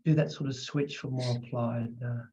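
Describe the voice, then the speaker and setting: A middle-aged man hosting an interview podcast, chatty and animated, acting out little quotes as he talks. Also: medium pitch, normal speed. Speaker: podcast host. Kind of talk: casual interview chat. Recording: dull lo-fi sound.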